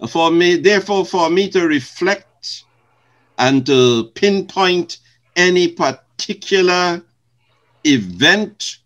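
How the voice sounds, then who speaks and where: Older male pastor from Guyana, interview guest, formal and unhurried, voice rises and falls a lot. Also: a little high, lo-fi sound. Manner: slow, measured, formal phrasing with soft laughs.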